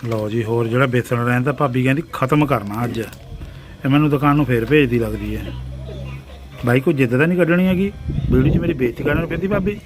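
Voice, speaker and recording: A man's voice: mid-range voice, fast, over music. A man with a Punjabi accent chatting casually as a family vlogger, teasing and exclaiming as he goes. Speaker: vlogger filming family cooking.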